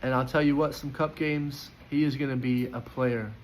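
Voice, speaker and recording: A man goes through player ratings in a casual post-match reaction, voicing opinions freely with many ums and restarted sentences. His middle-pitched voice moves at a moderate pace with fairly even intonation. The audio is poor, with a faint hiss.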